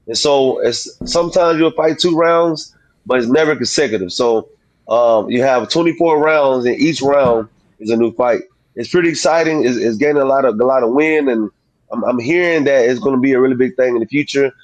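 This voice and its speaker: A man's voice: medium pitch, fairly quick, no room sound, rough recording. Male boxer, thirties, slangy interview chat. Slurred, slushy sibilants; very dry sound. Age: 30s. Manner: informal, slangy, frequently saying "man". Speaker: professional boxer, interview guest.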